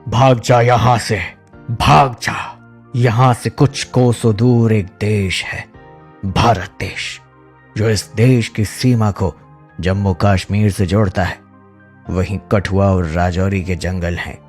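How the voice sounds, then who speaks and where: A man's voice: fairly low pitch, steady tone, slow pace, faint music behind. A man voicing a solemn, commanding voice from the heavens that urges a goat to flee.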